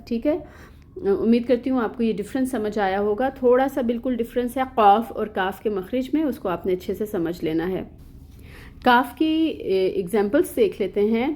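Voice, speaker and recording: A woman with a Pakistani Urdu accent teaching Quranic letter pronunciation in an online lesson, explaining patiently and repeating sounds slowly. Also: a little high, a little mellow.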